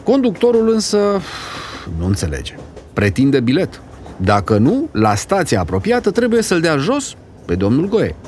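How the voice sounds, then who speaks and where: Man reading a story with animated expression. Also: a little high, a little hiss or hum. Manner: lively, expressive, acts out characters. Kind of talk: dramatic reading of a classic story.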